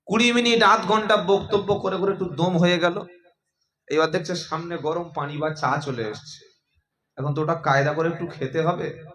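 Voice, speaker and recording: A man preaching a sermon to a crowd, lively and calling on listeners to answer back. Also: on the high side, normal speed, poor audio. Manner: lively, addressing the crowd and asking them to respond.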